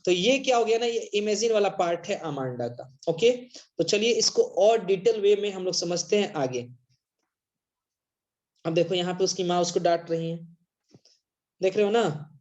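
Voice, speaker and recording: An online English teacher in a live class, explaining and constantly checking that students follow, reading English lines slowly. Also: mid-range voice, darkish tone, highs cut off. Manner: mixes Hindi and English, constantly checks understanding.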